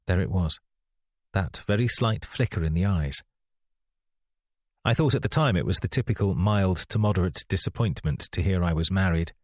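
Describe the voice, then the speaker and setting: Male reader, very low voice, dry studio read, wry and measured for a first-person thriller. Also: dry recording. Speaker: audiobook narrator. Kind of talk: scripted audiobook narration.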